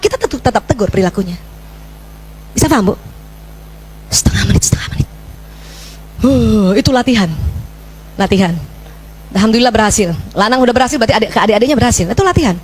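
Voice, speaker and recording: A high-pitched, middle-aged woman speaks to a room of mothers about raising children. She is lively and keeps asking her listeners questions to make sure they follow. A faint hum runs under her voice. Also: quick pace. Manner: lively, asks the audience questions. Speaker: parenting speaker. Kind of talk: parenting talk to mothers.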